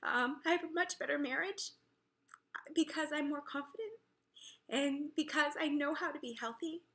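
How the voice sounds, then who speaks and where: Bright, high-voiced woman fitness coach. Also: normal speed. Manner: emotional, tearful at times, chatty with many fillers. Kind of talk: heartfelt personal talk to camera.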